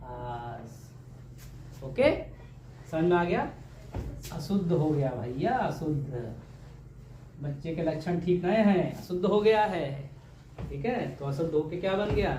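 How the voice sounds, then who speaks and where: A man teaches grammar for an exam, his voice sitting a little high. He keeps firing questions and repeating the answers with a playful, homely touch. The recording echoes around the room over a faint ambient hum. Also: darkish tone. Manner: joking, homely teacher talk. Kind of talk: exam-prep grammar lesson.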